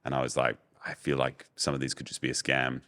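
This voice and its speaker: A young adult man with a very deep voice, telling candid stories in a casual podcast interview as a guest. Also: quick pace. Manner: relaxed, candid storytelling with many fillers. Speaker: guest, voice-over artist and agency owner.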